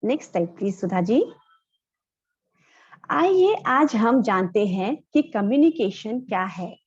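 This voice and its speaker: Woman instructor, slow measured delivery, slightly husky voice, dull lo-fi audio. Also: medium pitch, sing-song, a little mellow. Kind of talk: slide-led lecture.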